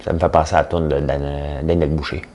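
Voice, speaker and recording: A man's voice: rumbling low, little pitch movement, fairly quick, a little mellow, a little hiss or hum. A middle-aged man with a Québécois French accent, hosting a casual morning commentary with folksy jokes and rambling asides. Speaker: commentary podcast host.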